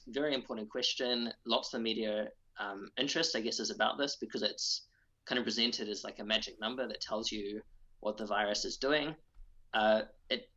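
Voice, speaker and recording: A man's voice: mid-range voice, sharp tone. A man, a geneticist guest, explaining carefully with frequent fillers over a video call. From New Zealand. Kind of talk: interview answers. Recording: dull lo-fi video call audio.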